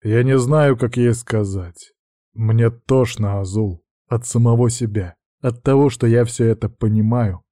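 A man doing a tormented djinn lord in an audiobook, loud and urgent, breaking into desperate, pleading outbursts. The voice stays mellow and dark underneath, recorded close and dry. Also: medium pitch, fairly even intonation, a little slow, dry recording, natural voice. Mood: anguished. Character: anguished, hot-tempered male lord of the djinn.

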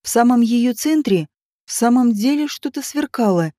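A woman narrates a story in a steady, even manner. Her voice sits a little high yet sounds mellow and soft-edged, recorded close and dry with no room around it. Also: moderate pace, no room sound. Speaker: audiobook narrator. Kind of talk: scripted narration.

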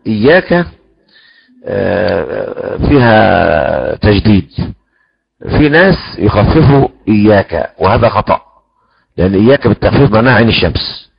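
Male Quran teacher, gravelly, explanatory, chants examples, dull lo-fi sound. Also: on the low side. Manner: explanatory, slows to chant recited verses. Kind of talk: religious lesson on Quran readings.

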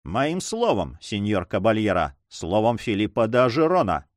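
A man's voice: lowish voice, very animated, moderate pace, no echo, studio quality, pitched below the performer's own voice. A man voicing a determined young noble buccaneer leader who speaks firmly and earnestly.

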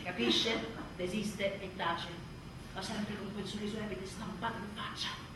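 A woman playing an exhausted, furious new mother in a theatrical monologue, biting and sarcastic, swinging from shouts to hushed tones. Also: mid-range voice, fairly even intonation, unhurried, recorded from a distance, noisy background, natural voice. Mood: bitter. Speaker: stage actress. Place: theatre stage. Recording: very echoey stage recording from afar.

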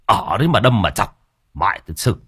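A gruff old coffin maker who snaps and scolds, played by a male narrator. The voice rises above his usual low tone, loud and lively, with a husky grain. Close, dry audiobook sound. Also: a little slow, no room sound, heavily acted. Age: older.

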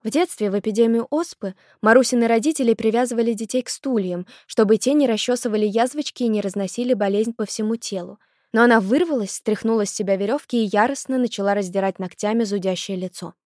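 Female audiobook narrator, higher voice, measured storytelling, dry studio sound. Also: darkish tone, dry recording. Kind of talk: scripted narration.

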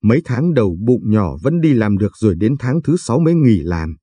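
A man narrating a scripted family story in a steady, even storytelling manner. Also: fairly low pitch, brisk, breathy edge.

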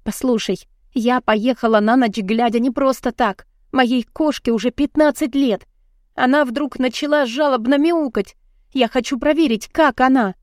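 A woman voicing an indignant young woman with quick, pointed retorts in an audiobook. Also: sits high, darkish tone, no echo, clean studio sound, pitched above the performer's own voice, close to an everyday voice.

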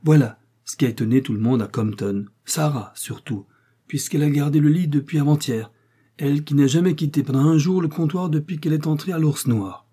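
A man reading an audiobook aloud and voicing a timid, flustered old innkeeper who stammers and frets, in a husky, dark voice, higher than his own. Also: brisk. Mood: fretful. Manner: stammering, fretful and pleading.

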